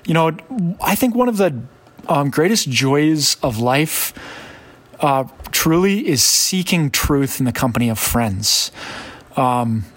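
A man hosting a conversational podcast in a casual, halting way, often restarting his phrases. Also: fairly high pitch, animated, fairly bright tone, dry recording. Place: basement of a guest home.

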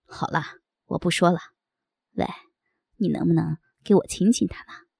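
A woman voicing an eager adult man in an audio story, speaking in a husky, breathy half-whisper. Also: steady tone, normal speed, dark tone, dry recording, clean studio sound, heavily acted. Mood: teasing. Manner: low murmured lines, teasing and pleading.

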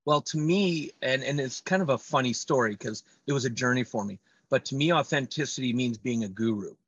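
A man's voice: mid-range voice, a little fast, fairly bright tone, breathy edge, no room sound, lo-fi sound. A man speaking as an interview guest, telling personal stories conversationally and emphatically. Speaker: podcast guest, trainer and speaker.

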